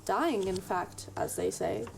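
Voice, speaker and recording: A woman's voice: medium pitch, huge pitch swings, slow pace, a little hiss or hum. A woman voicing unseen future beings who speak formally, with odd inflections. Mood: calm formal.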